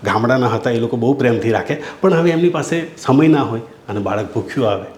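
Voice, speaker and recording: A man's voice: mid-range voice, lively intonation, fast, darkish tone. A middle-aged man with a Gujarati accent, a school principal telling a heartfelt story from his school and addressing his listeners as sir. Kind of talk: storytelling talk. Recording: echoey room.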